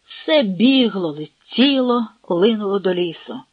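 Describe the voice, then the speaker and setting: A narrator reading a historical novel in a measured, dramatic way. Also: mid-range voice, expressive, breathy edge, dry recording, narrow, tinny audio.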